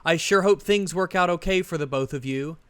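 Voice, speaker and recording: A man playing a worried male senator who rambles, halting, through a message. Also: fairly high pitch, fairly bright tone, smooth, no room sound, natural voice.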